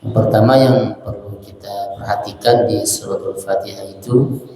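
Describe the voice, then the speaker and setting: A man teaching a class on melodic Quran recitation, explaining plainly, then singing drawn-out phrases for the class to repeat. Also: on the low side, fairly even intonation, dark tone. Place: mosque prayer hall. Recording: echoey hall, faint music.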